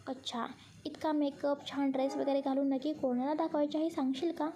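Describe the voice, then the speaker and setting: A woman's voice: high-pitched, level tone, a little fast, mellow, close to an everyday voice. A woman voicing a sensitive, easily frightened young woman who scolds and teases in a storybook reading. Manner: reproachful, teasing with her friend.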